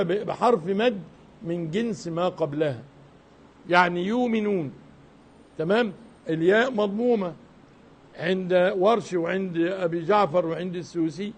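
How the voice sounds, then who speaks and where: A man with an Egyptian Arabic accent, explaining a religious recitation lesson step by step and often checking in with rhetorical questions. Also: high voice. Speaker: Quran recitation teacher.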